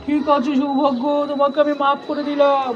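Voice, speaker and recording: Give me a pleading, tearful talking tree, as a woman puts it on for a kids' video, high and flat. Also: brisk, dull audio, crowd noise, background noise, natural voice. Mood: forgiving. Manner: whimpering, pleading. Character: crying hurt tree, gentle and forgiving. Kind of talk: playful kids' skit.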